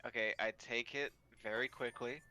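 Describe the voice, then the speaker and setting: A man playing a tabletop game on stream, calmly describing what his character does. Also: medium pitch, moderate pace. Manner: relaxed, narrating his own character's actions. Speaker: player. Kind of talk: casual tabletop role-play chat.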